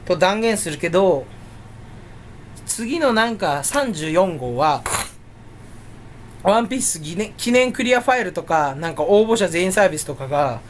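A man's voice: sits high, lively intonation, normal speed, pauses often, slight background noise. A man chatting alone to camera as a YouTuber, rambling and self-mocking as he jumps between topics. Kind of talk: casual solo chat.

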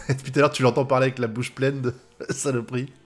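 A man's voice: mid-range voice, flat delivery, quick pace. A man from France giving live reaction commentary on an anime episode, swearing often and breaking into laughter.

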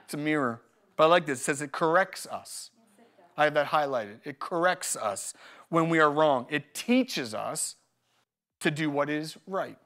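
High-voiced, lively male pastor. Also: a little slow. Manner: energetic, joking, repeats key phrases. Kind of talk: live sermon with personal stories. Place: church service.

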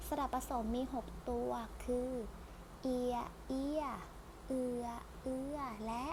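A woman teacher giving a patient lesson to young children, sounding out each vowel slowly and repeating it. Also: high voice, fairly even intonation, background noise.

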